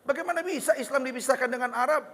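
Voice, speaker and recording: A man with a Betawi accent preaching a lively, joking sermon, slipping into Betawi slang. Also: extremely high pitch, fast talker, in a large hall. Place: hall with religious gathering.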